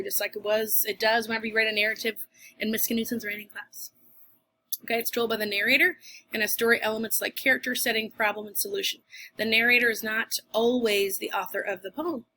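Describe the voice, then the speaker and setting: Chatty woman teacher, bright voice. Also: on the high side. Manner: chatty, casual asides and restarts. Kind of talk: recorded lesson for students.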